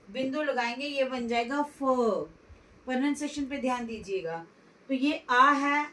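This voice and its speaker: A woman teaching a grammar lesson, slowly and deliberately sounding out letters one by one. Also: sits high, recorded from a distance.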